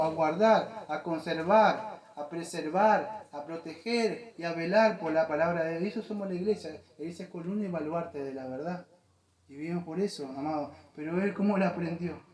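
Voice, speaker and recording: A man preaching in Argentine Spanish with an earnest, repetitive delivery, his voice sitting a bit higher than most men's. The room around him is echoey, like a church hall. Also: a little mellow. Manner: earnest, repetitive, addresses listeners as "amado". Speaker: pastor. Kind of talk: sermon.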